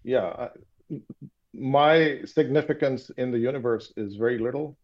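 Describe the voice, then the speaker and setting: A Pakistani man whose first language is Urdu is interviewed in a casual conversation over a muffled call. His voice is mid-range, and he comes across as reflective and philosophical, speaking haltingly with many fillers.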